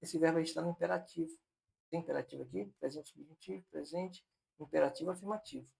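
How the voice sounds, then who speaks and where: A man's voice: on the high side, fairly even intonation, fast, gravelly, darkish tone, husky. A man teaching a Portuguese grammar lesson online for exam prep, explaining step by step and repeating points on purpose so they stick.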